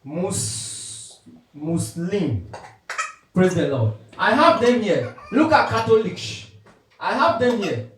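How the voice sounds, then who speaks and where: Emphatic high-pitched male preacher, echoey. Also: wildly swooping pitch, measured pace, a bit bright, a little hiss or hum. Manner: emphatic call-and-response preaching, quoting King James scripture. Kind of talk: street sermon. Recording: echoey, from far off the mic.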